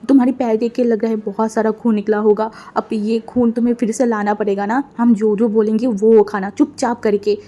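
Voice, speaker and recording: A woman voicing an angry middle-aged mother who scolds loudly, read from a fan fiction. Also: a little high, flat delivery, brisk, few pauses, close to an everyday voice. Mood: scolding. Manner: loud, scolding.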